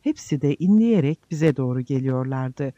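Mellow solemn male audiobook narrator. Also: medium pitch, animated, dry recording. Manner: measured, solemn reading. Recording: slightly dull lo-fi recording.

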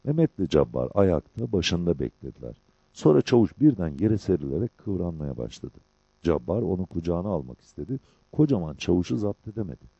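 A male audiobook narrator telling the story in a measured way, with a low, husky, dark voice. His pitch moves expressively. The recording is dry and sounds dull. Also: big pitch swings, no room sound.

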